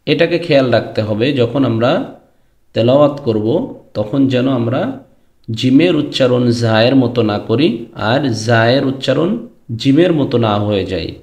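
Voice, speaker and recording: A man's voice: medium pitch, lively intonation, a little mellow. A man teaching Quran letter pronunciation, explaining to his students and drawing out the letter names as he says them. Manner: drawn-out chanted letter names between explanations; addresses students directly. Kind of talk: pronunciation lesson. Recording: echoey room.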